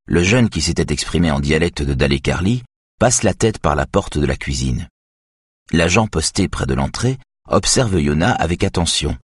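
A man reading a crime novel aloud as narrator, in a steady, even way. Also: extremely low pitch, husky, no room sound, studio quality. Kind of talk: audiobook narration.

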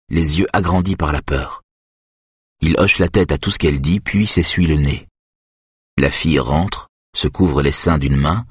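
A man reading a novel aloud in a very low, husky voice. His narration is steady and even. The recording is dry and close, with no room sound. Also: no echo. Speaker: reader.

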